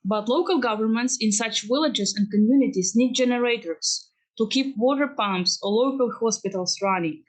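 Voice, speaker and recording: A woman's voice: a little high, moderate pace, poor audio. A woman with a Ukrainian accent delivers a prepared statement as an energy policy expert. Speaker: think tank president, energy expert.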